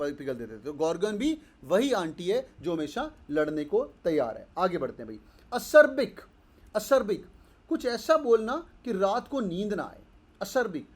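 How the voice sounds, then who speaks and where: A man runs a live online vocabulary class. He is energetic and a little scolding, drills each word again and again, and mixes Hindi with as he goes. He speaks into a live-stream microphone. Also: high-pitched. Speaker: online exam-prep teacher.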